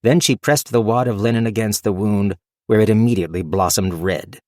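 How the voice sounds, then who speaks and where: A man reading a fantasy audiobook as narrator in a steady, measured storytelling manner. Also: lowish voice, dry recording, clean studio sound. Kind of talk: scripted narration.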